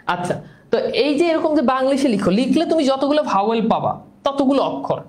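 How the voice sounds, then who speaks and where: A man's voice: very high voice, very animated, fairly quick, darkish tone. A young man with a Bangladeshi colloquial Bengali accent, a coaching teacher giving a recorded class lecture, often asking students if they are writing and slipping in teasing jokes. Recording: echoey classroom sound.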